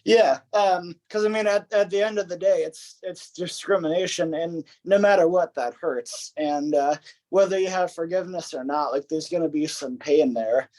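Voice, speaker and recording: A man's voice: a little high, moderate pace, a little mellow, low-quality recording. A man hosting an interview who agrees readily and talks with many fillers and restarts. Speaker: interview host. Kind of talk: interview conversation.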